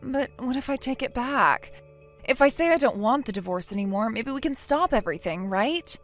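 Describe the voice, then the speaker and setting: This is a defensive wife who whines and stumbles over her words. A text-to-speech woman voices her a little high. Soft music runs quietly behind her. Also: animated, normal speed. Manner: whiny, hesitant. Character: defensive, self-pitying young wife.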